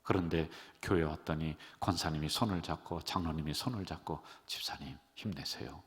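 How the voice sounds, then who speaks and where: A middle-aged man preaching as a pastor, animated, leading his congregation in call-and-response. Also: extremely low pitch, brisk. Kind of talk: sermon. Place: church sanctuary. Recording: long church-hall reverb.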